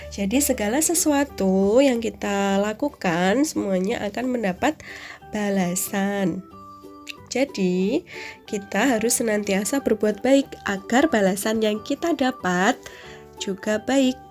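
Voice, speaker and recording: A woman teaching young children a religious lesson, over-enunciating in deliberate, drawn-out phrases. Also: on the high side.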